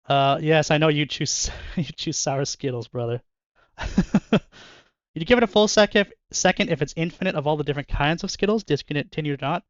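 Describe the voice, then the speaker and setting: A man's voice: a little high, expressive, moderate pace, no echo, lo-fi sound. A young man chatting casually and joking with viewers while opening card packs in his bedroom, laughing often. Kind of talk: casual chat with live chat. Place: bedroom at home.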